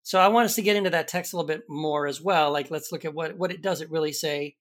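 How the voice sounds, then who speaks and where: A man's voice: on the high side, quick pace. Emphatic male podcast co-host. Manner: emphatic, animated rebuttal with laughs. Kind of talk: commentary on a video clip.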